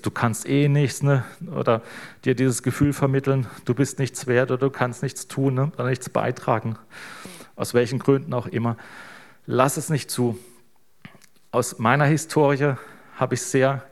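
A man delivers a sermon in a relaxed, chatty manner, often pausing to check in with his listeners. His voice sits at an ordinary middle pitch, and he speaks like a pastor talking plainly to his congregation. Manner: casual, tags sentences with "ne?". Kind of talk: informal sermon.

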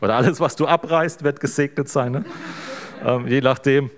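A man delivers a sermon in a relaxed, chatty manner, often pausing to check in with his listeners. His voice sits at an ordinary middle pitch, and he speaks like a pastor talking plainly to his congregation. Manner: casual, tags sentences with "ne?". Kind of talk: informal sermon.

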